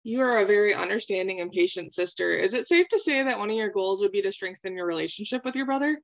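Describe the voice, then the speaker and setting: A woman speaking as a calm therapist in a counseling role-play, validating and asking reflective questions. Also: mid-range voice, fast talker, gravelly, lo-fi sound.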